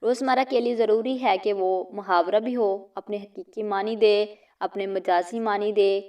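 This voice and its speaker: A woman teacher works steadily through multiple-choice exam questions, reading each one and its options before giving the right answer. Her pitch sits in an ordinary middle range. The recording has her a little distant from the mic. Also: darkish tone.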